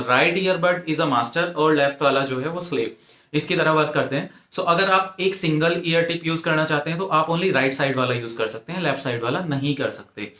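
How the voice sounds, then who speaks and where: A tech reviewer with an Indian accent presents an earphone review, informal but methodical, going point by point and mixing in English phrases. His voice is a little high, bright and forceful. The recording sounds echoey and roomy.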